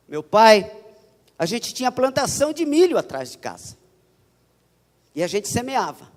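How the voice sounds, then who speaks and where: A man preaching a sermon as a pastor, with a Paulista accent and an emphatic style that repeats phrases. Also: sits high. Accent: Paulista Portuguese. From São Paulo, Brazil. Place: church. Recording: church hall reverb.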